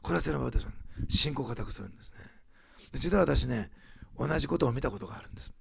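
A man preaching a sermon, rising loud on key phrases and dropping to soft, quiet asides. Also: mid-range voice, expressive, very fast, gravelly, husky, dry recording. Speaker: pastor.

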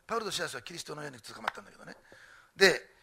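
A man preaching a sermon, animated, swinging from loud emphatic repetition to soft asides. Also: fairly high pitch, very fast, breathy edge. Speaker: pastor.

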